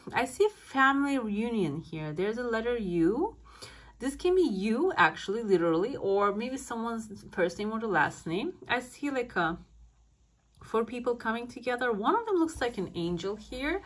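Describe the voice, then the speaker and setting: A woman speaking as a fortune teller, giving a coffee cup reading to viewers in searching, interpretive phrasing. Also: on the high side. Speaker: fortune teller, channel host.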